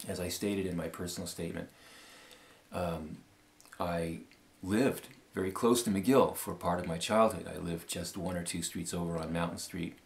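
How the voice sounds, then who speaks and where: Low gravelly canadian guy, 50s, formal appeal, slow and halting with lots of uhs. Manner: measured, formal, with frequent pauses and fillers. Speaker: law school applicant. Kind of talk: formal recorded appeal statement.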